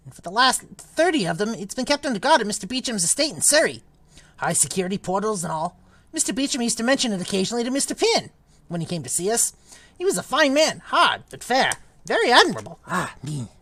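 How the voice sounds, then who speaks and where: A fussy male spirit shopkeeper, gossipy and fawning, as a woman does him in a read-aloud, his pitch leaping up and down as he goes. He hesitates and trails off between bits of gossip, heard close and dry. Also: very animated, quick pace, fairly bright tone, no room sound. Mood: mournful. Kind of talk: reading a novel aloud.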